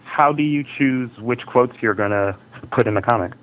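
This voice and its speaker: Man, middle pitch, co-host, joking, muffled lo-fi recording. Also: normal speed. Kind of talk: casual podcast interview.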